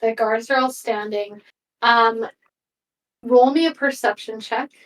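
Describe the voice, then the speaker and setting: A woman runs a tabletop game as game master and narrates in a relaxed way, with fillers. Her voice is slightly high. She sounds set back from the mic. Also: measured pace, far from the mic, rough recording.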